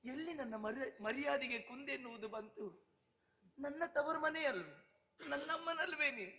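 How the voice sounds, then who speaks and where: A man's voice: extremely high pitch, normal speed, bright, forceful tone, heavily acted. A male Yakshagana actor playing a dutiful young princess who consoles her stepmother earnestly, in live stage dialogue. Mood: earnest consoling. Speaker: Yakshagana actor in female role.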